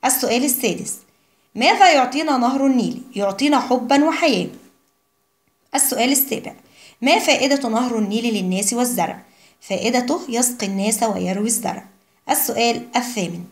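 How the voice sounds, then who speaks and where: A woman teacher gives an Arabic lesson for young pupils, reading word lists slowly and carefully. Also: fairly high pitch. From Egypt. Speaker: primary school Arabic teacher. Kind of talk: recorded classroom lesson.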